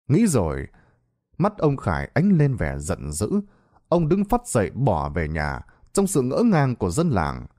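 A man narrating a dramatic horror story in an expressive, theatrical way. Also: mid-range voice.

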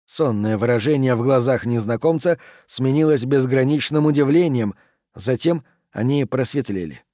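A man reading an adventure story aloud, in even, measured storytelling narration. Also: mid-range voice, no echo, studio quality. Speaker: audiobook narrator. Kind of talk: scripted narration.

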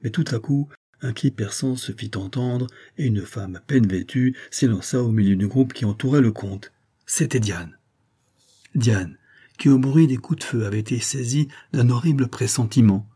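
A man reading a classic novel aloud as an audiobook in a steady, measured storytelling voice. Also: medium pitch, husky. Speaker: narrator.

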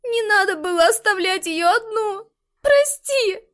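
A woman's voice: extremely high pitch, lively intonation, measured pace, fairly bright tone, pitched above the performer's own voice, full character voice. A woman voicing a frightened teenage girl who speaks breathlessly, tearful and pleading. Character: frightened teenage girl, sister of missing child.

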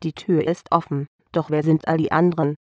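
A man's voice: a little high, little pitch movement, fairly quick, dry recording, muffled recording. A man narrating a whimsical science-fiction audiobook in a playful storytelling manner. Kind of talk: scripted sci-fi story narration.

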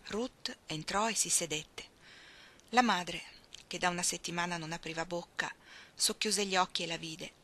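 A woman reading a novel aloud in a measured, expressive way. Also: fairly low pitch. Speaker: audiobook reader.

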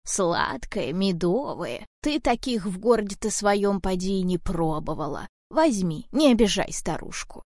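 A woman voicing an old witch who poses as a frail grandmother, speaking slowly and softly in a coaxing way, in an audiobook. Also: mid-range voice, lively intonation, no echo, clean studio sound, voice pushed down. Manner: slow, soft, coaxing, hushed. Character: sinister old witch posing as a frail granny. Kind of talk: audiobook character voice.

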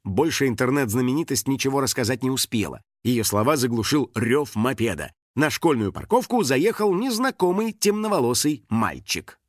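A man narrating a children's story in an audiobook with expressive storytelling. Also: medium pitch, normal speed, hardly any pauses, no echo, clean studio sound. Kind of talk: scripted narration.

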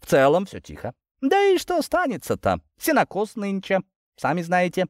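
Sly army captain, folksy and unhurried, read by a male narrator, lively pitch. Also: no room sound, clean studio sound.

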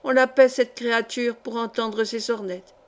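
A woman's voice: a little high, fairly even intonation, normal speed, natural voice. A woman voicing a spiteful young lady who talks in a sententious, sour way. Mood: scornful.

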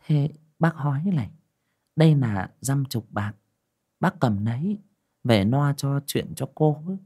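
A male narrator voicing a kind older woman who speaks gently and reassuringly. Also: medium pitch, animated, unhurried, slightly rough, pitched above the performer's own voice. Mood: gentle. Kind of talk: audiobook character voice.

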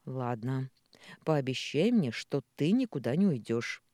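Brief: reader as a tired middle-aged father, calm and reasoning, warm dry tone. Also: medium pitch, a little slow, no room sound. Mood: weary. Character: gentle middle-aged man, patient weary father. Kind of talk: audiobook character voicing.

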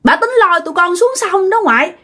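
Woman doing a scared little kid, high breathless pleading voice, swoops all over. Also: lively intonation, fast talker, bright, forceful tone, exaggerated voice. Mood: frightened. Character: frightened five-year-old boy recounting a scare.

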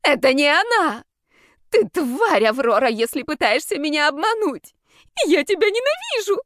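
A woman voicing a terrified young woman, shrill and strained, rattling her words off breathlessly in an audiobook. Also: animated, normal speed, a little mellow, no room sound. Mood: hysterical. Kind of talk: audiobook character voice.

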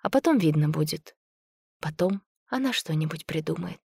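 A woman narrating a story aloud in an even, measured storytelling manner. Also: deep voice, gravelly, husky, no echo, clean studio sound. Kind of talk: audiobook narration.

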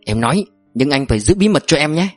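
Man doing a keen young guard, slightly raised pitch, dry read. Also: very animated, quick pace, dry recording, faint music behind. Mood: eager. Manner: polite, eager. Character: young male security guard, eager and nervous.

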